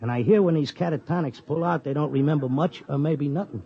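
An actor playing a streetwise Broadway race tipster, talking blunt and slangy in a 1950s radio drama. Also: male voice, on the high side, fast talker, gravelly, muffled recording. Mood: determined. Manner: slangy, blunt, tough-guy talk. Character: streetwise Broadway racetrack tipster, devoted husband. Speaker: narrator and lead.

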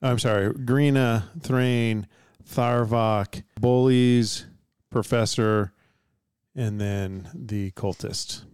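A man's voice: mid-range voice, steady tone, very slow, darkish tone, smooth, no room sound, studio quality. A man narrating as game master for a tabletop game, playful and chuckling as he describes the gore.

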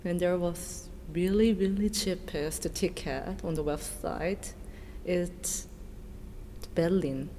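A woman in her thirties from South Korea, a dancer speaking in English with a Korean accent, answering interview questions earnestly in halting non-native phrasing. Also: fairly low pitch, warm tone. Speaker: dancer and choreographer. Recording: reverberant room with faint noise.

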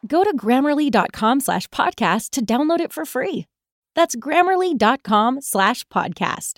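Lively female sideline reporter. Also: high-pitched, a little slow, no echo, clean studio sound, heavily acted. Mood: earnest, excited. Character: brisk female sideline sports reporter in a parody ad. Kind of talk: scripted ad interview.

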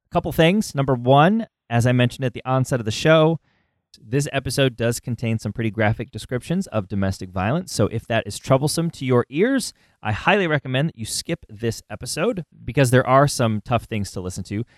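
A man hosting a podcast, talking conversationally with halting phrasing and repeated words. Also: mid-range voice, animated, no echo, studio quality. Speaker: podcast host. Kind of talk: conversational podcast intro and interviewing.

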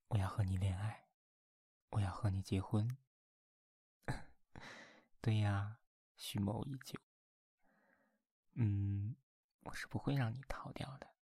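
Man playing a slow, soft-spoken boyfriend, binaural role-play. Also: lowish voice, steady tone, slightly rough, no echo, full character voice. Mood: tender, devoted. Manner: intimate binaural murmur close to the listener's ear; slow, coaxing, playful. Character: tender, teasing young boyfriend at bedtime. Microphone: very close binaural microphone, dry.

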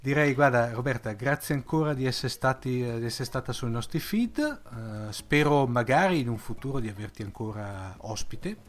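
A man's voice: medium pitch, animated, moderate pace, few pauses. A man hosting a podcast, wrapping up an interview in a friendly, slightly hesitant way. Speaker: podcast host. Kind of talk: closing an interview chat.

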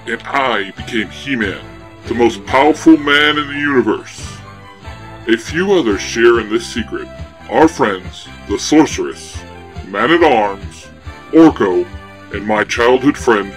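A man playing He-Man, a heroic warrior prince, speaking in a booming, declaiming way over faint music. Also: expressive, a little slow, a bit bright.

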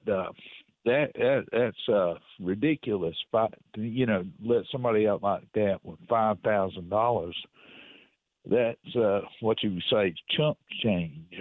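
A man calling in to a radio talk show over a phone line, speaking haltingly with many restarts and fillers. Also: lowish voice, no echo. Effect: phone-line call-in audio. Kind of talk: call-in talk radio comment.

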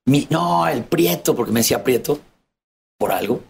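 A man's voice: mid-range voice, moderate pace, vocal fry. A middle-aged Mexican man candidly telling his childhood story as an interview guest, vividly acting out how his family talked. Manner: animated, acts out family members' voices, calls host "amigo".

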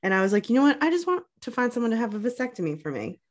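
A woman's voice: a little high, sing-song, rapid-fire. A woman in her thirties co-hosting a podcast, chatty and self-deprecating, with lots of ums. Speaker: podcast co-host. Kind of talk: casual chat.

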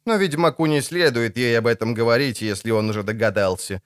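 A man narrating an audiobook in a dramatic, expressive reading style. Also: medium pitch, fairly quick, clean tone, dry recording, clean studio sound.

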